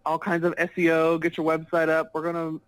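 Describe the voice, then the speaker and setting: This guest author and business coach from Texas talks fast in a low, monotone voice while fielding interview questions remotely. She's fluent and chatty, frequently laughing mid-sentence, and the rough recording has no room sound.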